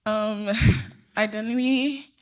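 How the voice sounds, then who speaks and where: A woman's voice: on the high side, fairly even intonation, takes it slowly. A young woman from Ghana, a first-year student on a panel, answering thoughtfully with many fillers. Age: young adult.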